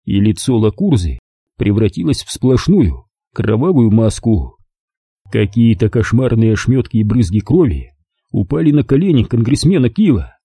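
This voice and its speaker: A man with a very dark, husky voice reading a crime thriller with lively, shifting intonation. The recording is close and dry, with no room sound. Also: mid-range voice, no echo. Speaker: audiobook narrator. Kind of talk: dramatic scripted narration.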